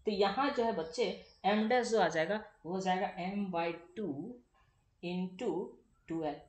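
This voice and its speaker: A man's voice: high voice, darkish tone. A young male physics teacher, lecturing chattily and answering his own questions for the students. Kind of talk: classroom lecture. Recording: echoey room.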